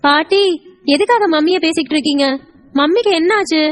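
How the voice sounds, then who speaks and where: A woman voicing a curious little girl in an audio story, with a high piping child's voice. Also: a little fast, faint music behind. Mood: eager. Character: small girl, bright and curious. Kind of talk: audio drama reading.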